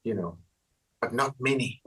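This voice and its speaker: A man's voice: mid-range voice, normal speed, breathy edge, far from the mic, poor audio. A man with a Danish accent, a guitarist chatting casually in an interview, loose and rambling with lots of restarts. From Denmark. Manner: relaxed, rambling, frequent restarts and fillers. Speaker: guitarist guest.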